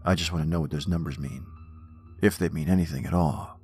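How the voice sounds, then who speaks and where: A man giving a grave, drawn-out dramatic reading of horror stories and verse. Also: extremely low pitch, steady tone, darkish tone, breathy edge. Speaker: narrator. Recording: music under the voice.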